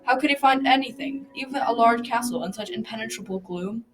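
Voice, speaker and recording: Over music, a girl of roughly twelve or thirteen narrates a folktale radio drama from a script, talking a little fast in a fairly high, near-everyday voice. She trips on words here and there, and the amateur school recording is noisy.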